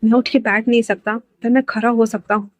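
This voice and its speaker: A wounded male surgeon, played by a woman narrator, quiet but firm, with a gentle side toward the people he cares about. The voice stays close and dry. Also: a little high, fairly even intonation, a little fast, no room sound, natural voice. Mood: determined.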